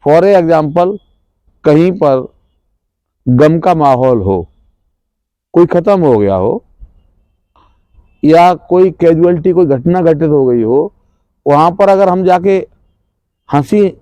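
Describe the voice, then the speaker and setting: A man's voice: fairly high pitch, mellow, no room sound. A man giving a classroom lecture as a trainer, asking the class questions, answering them himself and repeating key words. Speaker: trainer at a rural self-employment institute.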